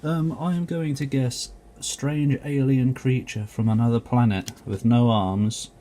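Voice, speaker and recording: A man's voice: mid-range voice, fairly even intonation, unhurried, mellow. A man giving casual, rambling commentary as a video host, grumbling and poking fun at himself with mild swearing. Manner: self-mocking, grumbling, mildly sweary.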